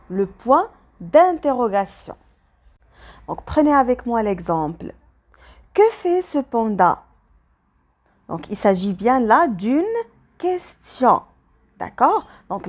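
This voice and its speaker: Lady teacher, kinda high voice, talks kids through grammar slow and patient. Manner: patient, repeats each point slowly and clearly; addresses children directly, switching between languages to explain. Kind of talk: children's grammar lesson.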